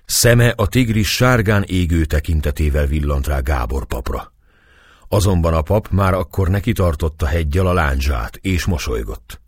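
A man reading a novel aloud as narrator in measured storytelling, husky voice. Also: low voice, animated, no room sound, studio quality. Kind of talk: audiobook narration.

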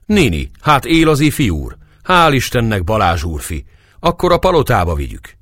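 Rough peasant men hauling the fallen, blunt and matter-of-fact, their voices pitched up well above the narrator's, as a male reader puts them on. The sound is dry and close, with no room around it. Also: wildly swooping pitch, a bit bright, no room sound. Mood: folksy. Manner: blunt, folksy.

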